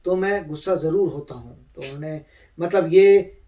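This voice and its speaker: Higher-voiced man calmly explaining. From India. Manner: calm, explanatory, measured. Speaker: reaction video co-host. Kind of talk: casual reaction chat.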